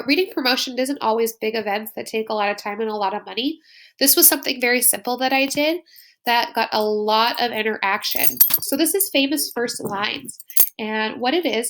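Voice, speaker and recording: A woman's voice: a little high, fairly bright tone. A woman school librarian narrating a slide presentation in an upbeat, explanatory way.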